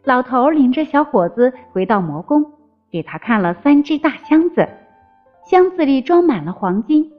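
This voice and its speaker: A woman narrating a fairy tale in an expressive storytelling manner. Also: high voice, moderate pace. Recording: slightly dull with faint music.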